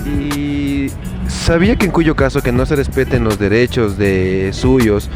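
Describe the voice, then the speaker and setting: A man's voice: mid-range voice, fairly even intonation, a little slow, over music. A man interviewing passers-by on the street, asking formal and sometimes stumbling questions about parents' rights.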